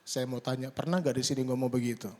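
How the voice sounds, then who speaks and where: A middle-aged man preaching a sermon, telling stories and acting out the dialogue with lively energy. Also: mid-range voice, fast. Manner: animated storytelling, acting out dialogue. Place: church hall. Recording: long hall reverb.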